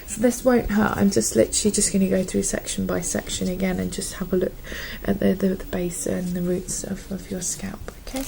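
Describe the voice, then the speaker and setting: A woman doing an ASMR role-play as a gentle, calm nurse, speaking in a soft, breathy half-soft voice with a reassuring manner. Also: medium pitch, a little fast, hardly any pauses, slight background noise, rough recording. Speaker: ASMR performer playing a nurse.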